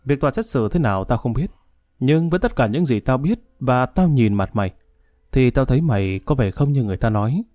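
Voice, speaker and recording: A man doing a gruff, scolding prison guard. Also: mid-range voice, lively intonation, brisk, dark tone, dry recording, studio quality, close to an everyday voice. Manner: scolding, coarse. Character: gruff blunt male prison guard, mocking.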